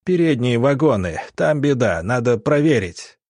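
A man voicing a gruff, blunt male train commandant in an audiobook, with a hoarse, barking way of talking. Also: mid-range voice, very animated, normal speed, a little mellow, no echo. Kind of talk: audiobook character voice.

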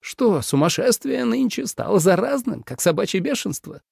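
Guy doing a shrill angry young emperor, high and yelling, dry close sound. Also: very animated, moderate pace, gravelly, slightly rough, no room sound, heavily acted. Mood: mocking. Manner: shrill and furious, high-pitched outbursts. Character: hot-tempered young male emperor, shouting. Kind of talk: audiobook character voice.

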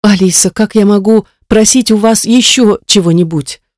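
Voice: medium pitch, moderate pace, darkish tone, no echo, clean studio sound, voice pushed up, lightly acted. A reader voicing an anxious mother, grieving over her sick son and pleading tearfully, in an audiobook. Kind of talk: audiobook character reading.

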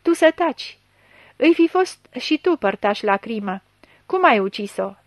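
A woman's voice: mid-range voice, very animated, dry recording. A woman reading a story aloud, voicing a stern male gendarme chief who barks accusing questions. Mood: harsh. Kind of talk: audiobook reading.

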